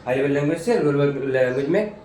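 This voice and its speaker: In a quick, expressive, slightly high voice, a programming teacher explains a tutorial informally and step by step, repeating himself and posing rhetorical questions. The recording has heavy room echo, a distant mic and faint noise.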